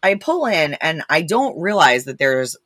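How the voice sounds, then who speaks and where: A woman telling a story on a podcast, her bright voice swinging up and down as she talks. She is blunt and animated and fills her talk with "like." The sound is dry and close. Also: low voice, measured pace, dry recording. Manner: blunt, animated, many "like" fillers. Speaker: podcast guest, animal rescue founder. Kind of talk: casual storytelling.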